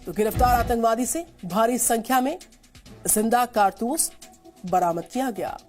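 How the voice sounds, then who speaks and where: An Indian woman presents a Hindi television news bulletin in a formal, emphatic manner at normal speed. Her voice sits on the high side and sounds a little mellow. She's recorded in a studio with light news music playing behind her.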